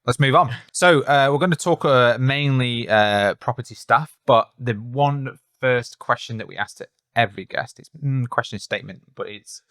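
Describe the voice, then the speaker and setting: A man's voice: mid-range voice, fairly bright tone, dry recording, clean studio sound. A man hosting a podcast interview, chatting casually and agreeing often. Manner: quick, conversational, lots of backchannel agreement. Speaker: podcast host.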